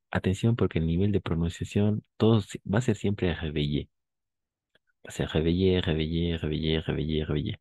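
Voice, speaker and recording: A man teaching a live online class, repeating phrases slowly to drill pronunciation and often checking that his students follow. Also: low-pitched, dark tone, dry recording. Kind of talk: online language lesson.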